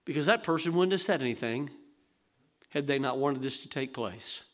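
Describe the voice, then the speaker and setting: A male pastor preaching a sermon in a church, lively and folksy, acting out the voices of people in his stories. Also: mid-range voice, moderate pace. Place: church sanctuary.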